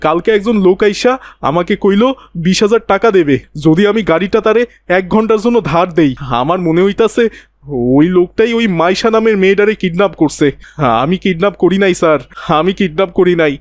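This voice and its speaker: A man's voice: sits high, a little fast, no room sound, natural voice. A man voicing a frightened poor car driver in a cartoon, pleading in rustic colloquial speech.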